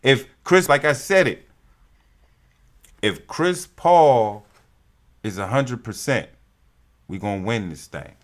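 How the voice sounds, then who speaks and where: A young man giving casual, animated sports commentary as a vlogger, with a profane, trash-talking fan's manner. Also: mid-range voice, slow, long pauses.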